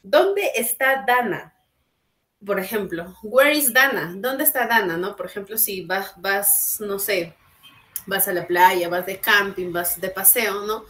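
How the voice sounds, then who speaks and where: Speaking slowly in a medium-pitched, fairly bright voice with lively intonation, a woman patiently explains English to her online class. She checks in with students through frequent tag questions, with the audio captured by a computer mic on a video call.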